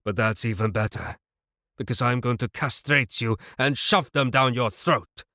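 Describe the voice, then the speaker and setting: A man voicing a bald, furious male gang boss who growls and croaks his threats in an audiobook. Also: mid-range voice, normal speed, pushed and bright, dry recording, clean studio sound, natural voice. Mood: enraged. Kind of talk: audiobook character voice.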